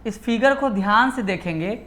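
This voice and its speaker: A male teacher from India lectures his class in Hindi sprinkled with English terms, speaking at normal speed in a high-pitched, sharp voice with lively intonation. He often repeats key words and answers his own questions.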